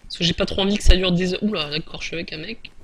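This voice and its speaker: Guy rambling over a game he's playing, high bright voice, lots of uh and restarts, faint hiss and clicks. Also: fairly even intonation, rapid-fire. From France. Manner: chatty, hesitant, many fillers and restarts. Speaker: gaming YouTuber. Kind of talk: casual gameplay commentary.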